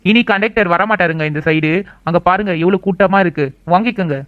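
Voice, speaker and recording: A woman's voice: fairly low pitch, quick pace, no echo, muffled recording, lightly acted. A woman voicing a lovestruck young man in a cartoon love story, coaxing and teasing. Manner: coaxing, playful. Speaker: hero.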